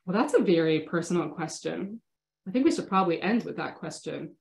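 This rabbi in her thirties is fighting a stuffy, sniffly cold as she teaches an online class from her home study on a laptop webcam, taking questions from the chat in a casual lecture. Her lowish voice is gravelly, and she speaks briskly and with animation. She stays thoughtful and warm with participants despite many restarts, and the room echo is audible.

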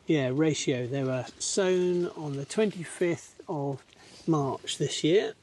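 A man's voice: on the high side, slow pace, a little mellow, slight background noise. A man talking casually while he works his allotment plot, thinking aloud with plenty of fillers. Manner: chatty, easygoing, thinks aloud with many fillers. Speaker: allotment gardener, channel host. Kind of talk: casual narration while gardening.

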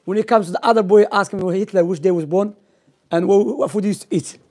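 This young adult man talks quickly, his voice sitting high with a darkish color. As a religious teacher in a cozy library room, he tells stories and quizzes listeners in non-native English laced with Arabic terms, using a gooseneck microphone held near his mouth.

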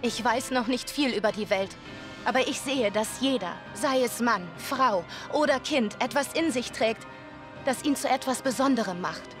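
An actress playing a steadfast young fantasy heroine in a video game, speaking with solemn, earnest resolve. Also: female voice, a little high, moderate pace, over music, natural voice. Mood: earnest, defiant. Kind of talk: dramatic video game acting.

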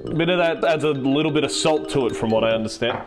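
A man's voice: medium pitch, quick pace. A tipsy, giggly young man chatting casually to camera in a rambling, sweary way as he cooks in a home kitchen. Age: young adult. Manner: sweary, exclamatory. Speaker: host of a comedy cooking video. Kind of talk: casual chat to camera while cooking. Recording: music playing behind the voice.

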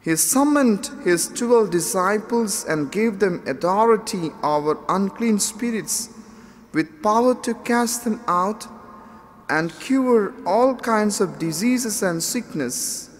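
A male priest proclaiming the gospel in a solemn, measured way, his voice carrying a cathedral echo in a large church. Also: high voice, expressive. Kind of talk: liturgical gospel reading. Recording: long church reverb.

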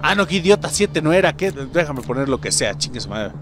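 Excitable young man, mexican spanish accent, lively swooping voice, faint game music behind. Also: fairly high pitch, a little fast. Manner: excitable, swears a lot, jumps to yelps and shouts. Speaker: gaming channel host. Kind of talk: casual gameplay commentary.

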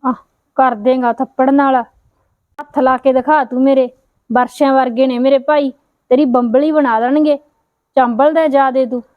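A woman playing a sharp-tongued scolding wife. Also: high-pitched, fairly even intonation, moderate pace, no room sound, narrow, tinny audio, natural voice. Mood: angry. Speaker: quarrelsome sister-in-law. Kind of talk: Punjabi short film acting.

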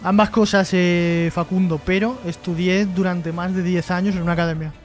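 Man, high voice, live-stream host, jokey reading chat aloud, light music in the background. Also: little pitch movement, normal speed. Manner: joking, reads chat messages aloud and replies.

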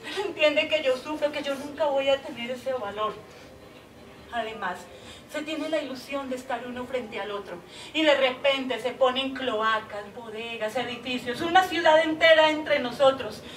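Brief: actress playing a desperate jilted woman on a phone call, high voice, stage echo heard from afar. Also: moderate pace, natural voice. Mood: tender. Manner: emotional, swings between tender pleading and desperate outbursts. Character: heartbroken woman pleading with her departing lover by phone. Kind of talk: stage monologue acting. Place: theater stage. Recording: echoey stage from far off, audible noise.

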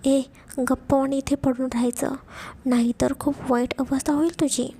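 A woman voicing a rough hired male kidnapper who gives curt, bossy orders in an audio story. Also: high voice, level tone, normal speed, dark tone. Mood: harsh.

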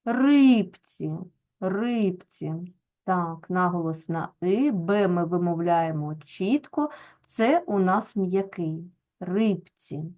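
A woman teacher, explaining a lesson to children slowly and deliberately and repeating each example word with stress. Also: fairly low pitch, darkish tone.

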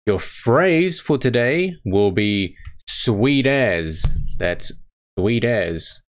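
Man acting mock language teacher, broad Kiwi accent, slow and deliberate, slang lesson delivery. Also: medium pitch, expressive, slight background noise. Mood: mock instructive. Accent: put-on broad New Zealand. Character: mock male New Zealand English course teacher.

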